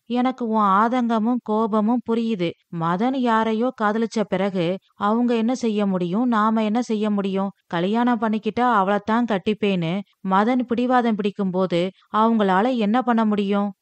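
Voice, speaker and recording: Gentle reasoning father, read by a woman storyteller, dry booth sound. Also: mid-range voice, no room sound, lightly acted. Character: worried middle-aged father, gentle and reasoning.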